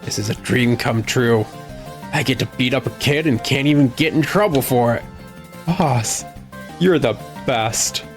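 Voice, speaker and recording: A man's voice: medium pitch, unhurried, soft background music, lightly acted. A man voicing a swaggering, slangy bandit henchman from a video game, a dim thug. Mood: fawning. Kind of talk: video game dialogue read aloud.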